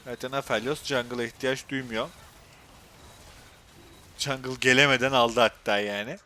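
There's slight background noise behind this young, Turkish-accented man as he commentates his own gameplay live. His voice sits in the mid range, and his excitable mood flips quickly from low mumbling to exasperated outbursts.

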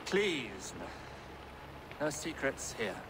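A haughty, pious medieval Saxon king in a game. He speaks slowly and dryly with regal control, over clear ambient noise. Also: fairly high pitch, big pitch swings. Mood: cool, haughty. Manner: regal, measured, dry. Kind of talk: cinematic video game acting.

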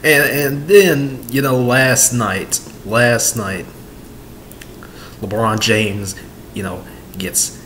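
This sports vlogger, a man in his twenties, chats casually about sports at home, rambling and repeating himself with plenty of fillers. His medium-pitched voice stays fairly even, stretching out words and leaving long pauses, with a slightly bright quality. A desk webcam in a small room picks him up along with slight background noise.

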